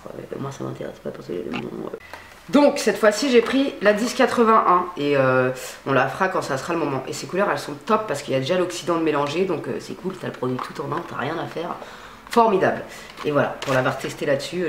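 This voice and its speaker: A woman's voice: low voice, reverberant, slight background noise. A woman chatting casually while demonstrating how she dyes her hair, slangy and full of fillers. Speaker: beauty vlogger. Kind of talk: casual hair-dye tutorial chat. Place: home at night.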